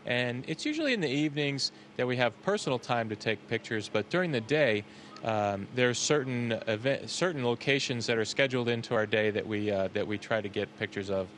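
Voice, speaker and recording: A man speaking as an astronaut, giving casual, halting explanations in an interview. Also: mid-range voice, lively intonation, fairly bright tone. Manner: halting, conversational. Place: aboard a space station. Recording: faint background hum.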